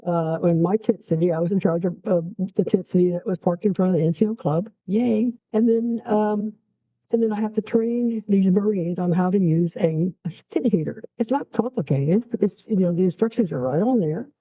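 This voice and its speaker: A middle-aged woman and Air Force veteran recounts her service days in a casual interview. She is an animated storyteller who acts out her own shouts. The recording is dry and a little dull, like a modest lo-fi setup. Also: on the low side, normal speed, dry recording.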